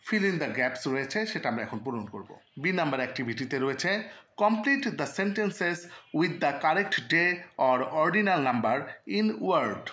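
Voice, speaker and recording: Man, video lesson teacher, unhurried careful reading, echoey room. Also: on the high side, fairly bright tone. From Bangladesh. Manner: slow, deliberate reading of English phrases with Bengali explanations. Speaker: English teacher.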